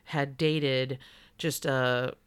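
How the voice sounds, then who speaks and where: Low-voiced, smooth-toned woman chatting. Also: extremely slow. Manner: animated, candid, swears, laughs often. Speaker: podcast co-host. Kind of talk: casual movie review chat.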